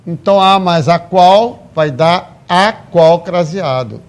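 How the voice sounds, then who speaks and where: A man's voice: high voice, slow pace. A man teaching a live grammar class to a room and an online audience. He is emphatic and works through the rules step by step, often checking that everyone follows. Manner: emphatic, explains step by step with frequent check-in questions. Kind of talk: live exam-prep class lecture. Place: classroom, also streamed online.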